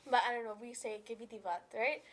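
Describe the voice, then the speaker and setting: A woman's voice: a little high, steady tone, quick pace. A young woman chatting casually as an interview guest, often acting out bits of conversation as she tells stories. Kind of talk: casual chat.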